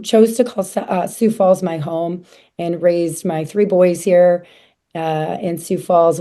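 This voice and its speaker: Hoarse, mellow-voiced woman from South Dakota. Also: on the low side. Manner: chatty, many fillers and restarts. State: hoarse from a cold. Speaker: guest, association leader. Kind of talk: casual interview chat.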